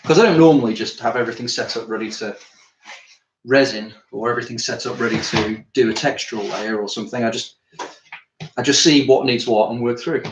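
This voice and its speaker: Streaming live from his art studio, a British artist talks casually as he works, speaking a little fast at medium pitch. A bit worn out from climbing, he wanders through his thoughts aloud, and the roomy studio carries faint noise.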